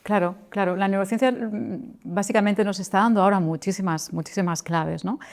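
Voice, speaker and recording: A woman's voice: medium pitch, fairly even intonation, a little fast, darkish tone. Reflective woman vocal coach. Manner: thoughtful, with frequent restarts and tag questions. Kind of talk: interview guest.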